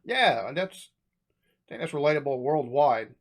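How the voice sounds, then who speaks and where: A man's voice: a little high, expressive, measured pace. An American man giving casual, off-the-cuff reaction commentary as a host. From United States. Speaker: host reacting to accent recordings.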